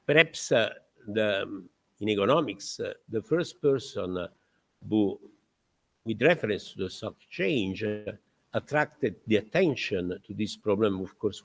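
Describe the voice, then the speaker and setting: An older man gives a formal lecture introduction in a fairly low voice. He talks haltingly, with frequent filler pauses, and chuckles as he tells his stories. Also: vocal fry. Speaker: professor introducing the guest lecturer.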